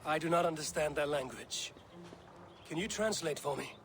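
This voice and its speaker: An actor playing a resolute, vengeful Viking warrior in a video game, terse, solemn and commanding. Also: male voice, on the high side, normal speed, a bit bright, slight background noise. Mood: guarded. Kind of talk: dramatic video game acting.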